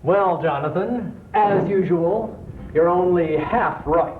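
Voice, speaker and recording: A man performing a comic debate sketch, ranting up to shouts. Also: high-pitched, takes it slowly, slight background noise. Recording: tinny echoey lo-fi recording.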